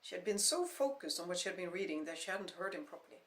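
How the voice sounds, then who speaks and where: A woman author narrating her own novel in a steady, measured audiobook reading. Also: fairly low pitch. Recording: roomy echo.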